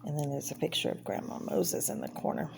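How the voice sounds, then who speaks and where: A woman with a deep voice reads fairly quickly from a children's art book, narrating in a simple, explanatory manner suited to young listeners, plus a few brief personal asides. The homemade read-aloud video carries clear background noise.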